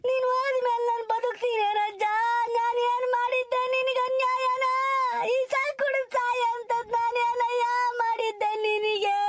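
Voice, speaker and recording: A woman's voice: very high voice, fairly bright tone, dry recording. A woman playing a wailing village wife. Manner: wailing, pleading, calling on God. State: crying. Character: grieving village woman crying over her husband. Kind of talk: rural comedy sketch acting.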